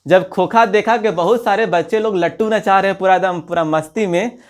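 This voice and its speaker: A Hindi teacher with a high-pitched voice talks briskly as he covers a textbook story line by line. After reading each passage, he retells it in local dialect and quizzes the listener.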